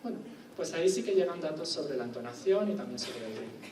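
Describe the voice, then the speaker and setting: A man's voice: a little high, lively intonation, fast, darkish tone, a little hiss or hum. A man giving a university lecture, explaining step by step and checking in with rhetorical questions. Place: lecture hall. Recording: echoey room from far off, faint ambience.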